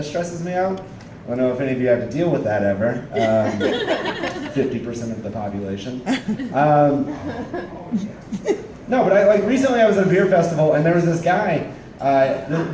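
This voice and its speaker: A man's voice: fairly high pitch, roomy sound, distant mic, very noisy. A man in his twenties doing a casual stand-up comedy set, rambling with lots of fillers. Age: 20s. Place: comedy club stage, audience laughing.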